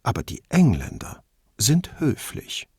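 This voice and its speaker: A man voicing a cultured, quick-witted wife in an audiobook, speaking in a lightly teasing, assured way. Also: medium pitch, wildly swooping pitch, a little mellow, husky, no echo, clean studio sound, exaggerated voice.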